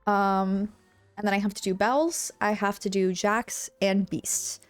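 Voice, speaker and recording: A young woman speaks at a measured pace with fairly even intonation and a medium pitch while soft background music plays. Streaming from home, she chats casually and bubbly with the live chat, sounding slightly congested and using lots of "like" and "um".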